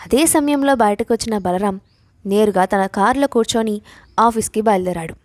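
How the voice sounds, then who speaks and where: Brief: woman storyteller, steady scripted narration, mid-pitched, very dry close sound. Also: moderate pace, dry recording.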